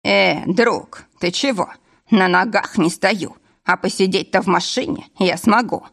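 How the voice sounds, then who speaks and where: A woman's voice: medium pitch, unhurried, vocal fry, fairly bright tone. A woman doing a drunk, hiccuping factory boss. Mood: tipsy. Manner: slurred, hiccuping, overly familiar. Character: drunk middle-aged male candy-factory boss.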